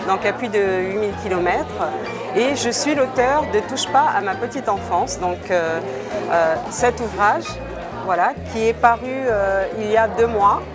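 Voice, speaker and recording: A woman's voice: medium pitch, measured pace, loud music behind the voice, a loud crowd. A woman from French Guiana, an author, introducing her book with some fillers. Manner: hesitant, with fillers. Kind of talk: interview soundbite.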